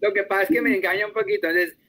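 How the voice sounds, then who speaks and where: Guy teaching german online, kinda high voice, patient, repeats stuff slow. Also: fairly even intonation, bright, forceful tone. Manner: patient, drills pronunciation slowly. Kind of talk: online class instruction.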